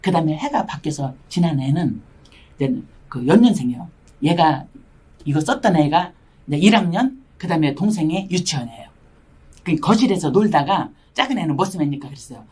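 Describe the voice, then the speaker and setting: A woman's voice: deep voice, fairly quick, breathy edge. An older woman, a missionary, giving an emotional testimony sermon and acting out the voices of the people in her story. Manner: animated storytelling, acts out quoted voices.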